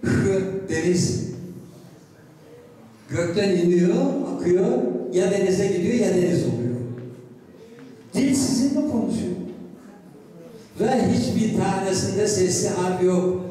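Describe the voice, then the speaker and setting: A man's voice: high-pitched, measured pace, mellow. An older man, a native Circassian speaker, giving an emphatic public talk at a cultural event and sounding out words. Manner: emphatic, repeats key phrases and sounds out words. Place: association hall. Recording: echoey hall, far from the mic.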